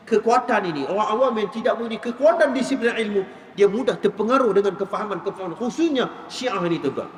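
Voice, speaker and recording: High-voiced preacher with a northern Malaysian accent. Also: male voice, roomy sound, in a large hall, distant mic, low-quality recording. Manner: lively storyteller, addresses audience as tuan-tuan, rhetorical questions. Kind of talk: religious lecture.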